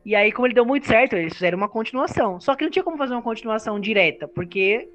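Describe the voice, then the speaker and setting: A woman host runs a film chat quickly and keenly, moving from point to point. Her pitch is mid-range for a woman. Soft music sits faintly underneath. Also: animated. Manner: quick, enthusiastic, leads the segments. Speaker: podcast host. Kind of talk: casual movie review chat.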